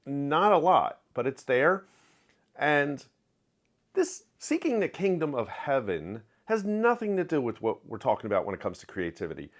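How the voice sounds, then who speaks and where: A middle-aged man with a medium-pitched voice records a casual reading wrap-up vlog at normal speed, sitting close to his webcam in a home study lined with shelves of collectibles. The book vlogger comes across as blunt, chatty, candid, and opinionated, gesturing animatedly with his hands.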